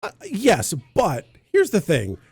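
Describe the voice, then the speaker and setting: Slow and gravelly, with a slightly rough, high voice that swoops wildly in pitch, this American podcast co-host walks through TV show trivia and details in an easygoing, well-informed chat. There's no echo.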